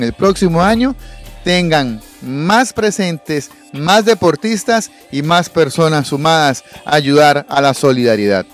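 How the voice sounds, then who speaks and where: A man's voice: fairly high pitch, dry recording, clean studio sound. A man reporting a local charity event in formal news narration. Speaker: TV reporter and interviewer. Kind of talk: news narration and street interview. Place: outdoor seaside event. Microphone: handheld mic.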